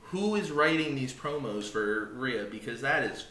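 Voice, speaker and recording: A man's voice: medium pitch, lively intonation, a little slow, bright, forceful tone. A man co-hosting a casual wrestling review podcast, blunt and sarcastic, swearing freely. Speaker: podcast co-host. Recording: echoey room with faint noise.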